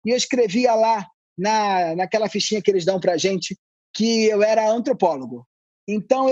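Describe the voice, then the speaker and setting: A man who is an anthropologist, a guest on a podcast, explaining ideas in a relaxed, conversational way with playful asides. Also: very high voice, no echo, lo-fi sound.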